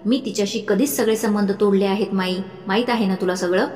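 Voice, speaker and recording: A woman's voice: medium pitch, fairly even intonation, brisk, a little mellow, natural voice. A woman voicing a curt, irritable young man with short, clipped replies in an audiobook story. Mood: irritated. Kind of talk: audiobook narration. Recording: echoey room with faint music.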